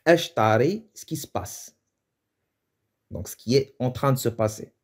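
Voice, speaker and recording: A man's voice: mid-range voice, lively intonation, moderate pace. Man teaching, hesitant and chatty. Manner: hesitant, thinks aloud with restarts and chuckles. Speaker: Moroccan Arabic teacher. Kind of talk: casual explanatory lesson.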